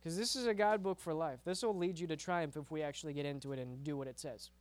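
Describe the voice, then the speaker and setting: A man's voice: on the high side, fast talker. A man preaching to a youth group in a casual, conversational way, often repeating words and checking in with "right?". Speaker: youth pastor.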